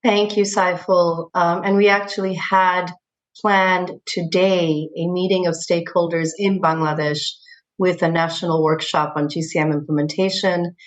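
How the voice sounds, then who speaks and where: A woman moderating an online meeting, calling on speakers in a calm, even way. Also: lowish voice, moderate pace.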